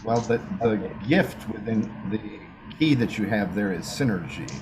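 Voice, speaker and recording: A man giving a reading, explaining each point in a slow, measured way. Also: fairly low pitch, expressive, music in the background. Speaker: gene keys reader.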